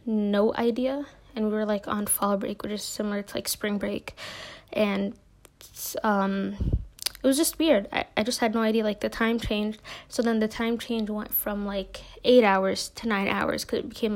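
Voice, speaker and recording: A woman's voice: mid-range voice, darkish tone. A young woman from Minneapolis talks through her first solo podcast episode, chatty and meandering. She fills the gaps with "um" and "like" and keeps correcting herself. A slight nervousness runs under her easygoing talk. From Minneapolis, United States. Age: young adult. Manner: chatty and rambling, many fillers and self-corrections. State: a bit nervous. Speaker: podcast host.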